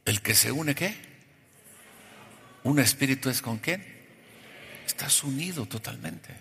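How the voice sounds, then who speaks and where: A man preaching a sermon in a church. He asks the congregation questions, has them call back the answers, and swings from soft to loud. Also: medium pitch, lively intonation, measured pace, a little hiss or hum. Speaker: pastor. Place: church hall. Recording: long reverb of a large hall.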